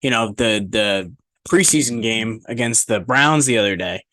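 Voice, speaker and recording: A young man co-hosting a casual sports podcast, sarcastic and quick to rant. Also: on the low side. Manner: sarcastic, flares up into loud rants. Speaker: podcast co-host.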